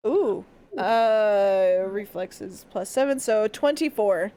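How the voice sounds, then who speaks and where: A young woman playing a tabletop game, excitable and swearing, laughing often. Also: medium pitch, slow. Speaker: player. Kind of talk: casual tabletop play.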